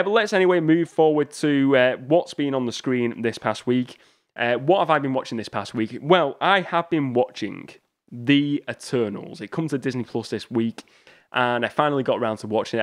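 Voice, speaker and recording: Chatty male podcast host. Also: medium pitch. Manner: chatty, loose, frequent "uh" and restarts. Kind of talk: solo casual podcast talk.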